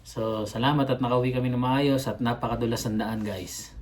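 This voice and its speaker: A man's voice: mid-range voice, fairly even intonation, normal speed, a little hiss or hum. A man at home co-hosting a family vlog, greeting viewers in a playful, jokey way and laughing as he talks. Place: at home indoors.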